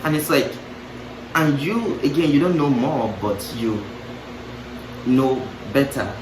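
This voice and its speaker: A young adult man talks slowly in a mid-range voice, musing to camera as a vlogger. He keeps interrupting himself with playful asides and laughter before starting over, all in a casual, reflective monologue. It's recorded in a roomy space on a distant mic, with clear background noise.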